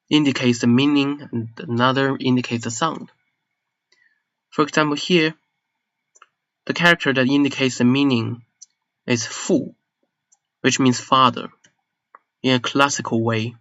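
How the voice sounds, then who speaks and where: A man whose first language is Mandarin talks through a casual lesson at a slow, careful pace and often stops to find the right word. His voice is recorded close and dry on a slightly dull, lo-fi mic. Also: medium pitch, a bit bright, no echo. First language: Mandarin Chinese. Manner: unhurried, searching for words, self-deprecating. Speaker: video creator explaining a language.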